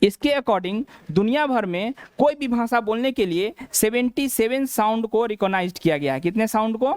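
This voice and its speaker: Bihari guy teaching english grammar, asks and answers his own questions, smooth voice, dry close mic. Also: high-pitched, lively intonation, moderate pace, a little mellow, no room sound. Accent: Bihari Hindi. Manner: repeats each point as a question, then answers it. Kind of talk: classroom lesson.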